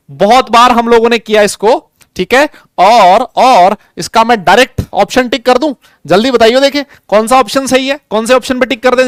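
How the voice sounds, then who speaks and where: A man's voice: high voice, clean tone, dry recording. A young man teaching chemistry in a live online class, chatty and jokey, calling students beta as he runs polls.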